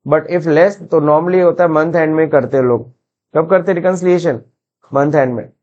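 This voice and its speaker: A man with an Indian English accent teaching an accounting software lesson, switching between Hindi and English and asking and answering his own questions. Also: on the high side, normal speed, lo-fi sound. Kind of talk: screen-recorded classroom lesson.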